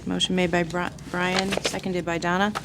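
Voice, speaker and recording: A woman's voice: fairly low pitch, flat delivery, moderate pace. A woman chairing a public agency meeting, talking informally through procedural business. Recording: clear background noise, meeting room.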